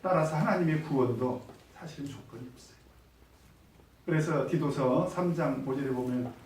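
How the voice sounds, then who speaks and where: A man's voice: medium pitch, moderate pace, darkish tone, a little hiss or hum. Man teaching a Bible study in an echoey room. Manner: asks the group questions and answers them himself, acts out quoted speech. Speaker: pastor leading a Bible study. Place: church room. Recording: echoey room, mic at a distance.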